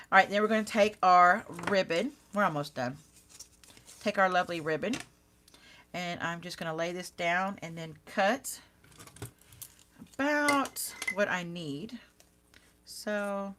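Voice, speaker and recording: A woman's voice: fairly low pitch, fairly bright tone, slight background noise. A woman hosting a live card-making demonstration, chatting casually with her viewers and teasing herself as she works. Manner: self-teasing, laughs at herself. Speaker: card-making channel host.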